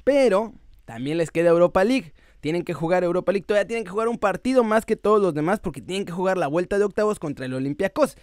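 A man's voice: high voice, expressive, fast, a little mellow, no room sound, clean studio sound. A young man with a Mexican accent, chatting casually about football news to his viewers in a slangy, joking way. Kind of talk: casual sports vlog.

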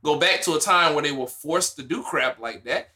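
A man with a Southern US accent co-hosting a podcast in casual chat, animated, laughing often and saying "bruh". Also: on the high side, normal speed. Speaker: podcast co-host.

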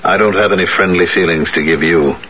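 Male actor as an unforgiving middle-aged father, 1970s radio drama; deep, clipped and contemptuous, muffled lo-fi broadcast sound. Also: fast talker, a little hiss or hum, natural voice. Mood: cold, scornful. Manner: curt, clipped and scornful. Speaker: stern father of the sweetheart.

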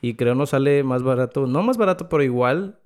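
A man's voice: medium pitch, expressive, a little fast, a little mellow. A man with a Chicano accent chatting casually and slangily, mixing Spanish and English and often repeating his words. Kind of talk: casual chat, switching between Spanish and English.

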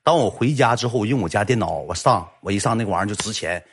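A young man telling a comic story, lively and animated, acting out the quoted lines. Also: lowish voice, racing.

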